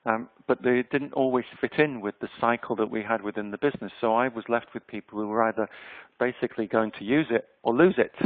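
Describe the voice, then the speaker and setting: A fifty-something man from Yorkshire, England delivers an online presentation in a chatty style, with a Yorkshire accent and lots of ums. His voice is mid-range and a little fast. Captured on a webinar microphone, it sounds dry, tinny and phone-like, without echo.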